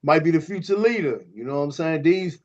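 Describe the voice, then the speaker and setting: A man co-hosting a podcast, talking in an animated, preachy way to a guest and stumbling over repeated words. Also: a little high, a little fast. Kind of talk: casual podcast conversation. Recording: slightly dull lo-fi audio.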